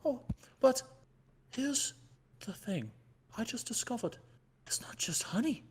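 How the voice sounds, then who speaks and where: A man's voice: extremely high pitch, very animated, slow, slight background noise, full character voice. A man voicing an elderly male bear who runs a honey heist, fussy and wavering. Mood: doting. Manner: fussy, wavering, breathy asides.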